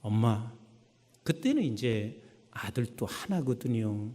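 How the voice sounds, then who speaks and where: A male pastor preaching a sermon, telling stories with lively swings from soft to loud. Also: mid-range voice, measured pace. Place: church sanctuary. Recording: long church hall reverb.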